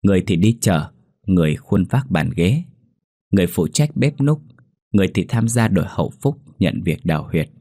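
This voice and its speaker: A man narrating a ghost story in a slow, somber, dramatic way. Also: sits low, animated, warm tone, no room sound, studio quality.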